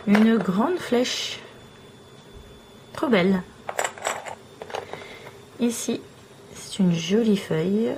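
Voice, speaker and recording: A woman vlogger showing off small trinkets one by one in a slow, admiring show-and-tell. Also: medium pitch, background noise.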